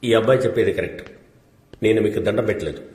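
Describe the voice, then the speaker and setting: A man's voice: fairly low pitch, rapid-fire, roomy sound, long reverb tail, voice pushed down, close to an everyday voice. An actor playing an indignant captive protesting to his kidnapper in a comedy film scene.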